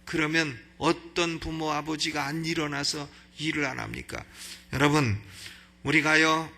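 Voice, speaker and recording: A man in his fifties, a pastor preaching, who swings between loud exhortation and chatty storytelling. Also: a little high, steady tone, normal speed, gravelly. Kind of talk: expository sermon. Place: church sanctuary.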